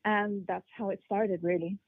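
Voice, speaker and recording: A young adult woman, a flautist appearing as a guest, answers interview questions thoughtfully, with fillers and restarts, in a mixed international English accent; her first languages are English and Portuguese. Her voice is medium-pitched and steady at a moderate pace. The recording is dry and sounds tinny, like a phone line.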